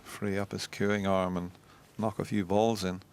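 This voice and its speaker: A man giving live snooker commentary in a measured, conversational way. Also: on the low side, flat delivery, darkish tone, clean tone.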